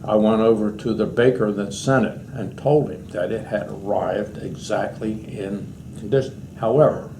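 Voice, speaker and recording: An old American man in his eighties speaks with a fairly low voice. He is a veteran looking back on his past, wandering from one anecdote to the next as an interview guest. The recording has clear background noise and room ambience. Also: moderate pace, mellow. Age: 80s. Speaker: war veteran being interviewed. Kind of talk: reminiscing in an oral history interview.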